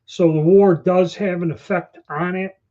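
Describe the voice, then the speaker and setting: A man's voice: sits high, steady tone, a little slow, warm tone. A man hosting a casual livestream from a small indoor room, rambling conversationally, his speech slightly impeded by new false teeth. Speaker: livestream host. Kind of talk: casual livestream chat answering viewers. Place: small storeroom or office, indoors. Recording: dull lo-fi livestream audio.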